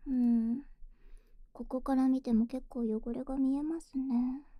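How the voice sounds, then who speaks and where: A woman playing a cute, clingy junior-student girlfriend in an ASMR role-play, speaking softly right into the listener's ear through a binaural microphone. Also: high-pitched, fairly even intonation, unhurried, no echo. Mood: tender, teasing. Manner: soft-spoken close, right in the listener's ear. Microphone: binaural dummy-head microphone, very close.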